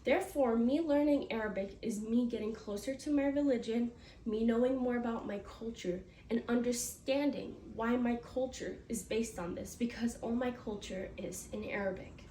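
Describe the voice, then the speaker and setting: An earnest American teenage girl reads out a speech prepared for class, now and then slipping and restarting. Her voice runs high but dark in tone at a normal speed, and the echoey room, distant mic and faint noise shape the recording.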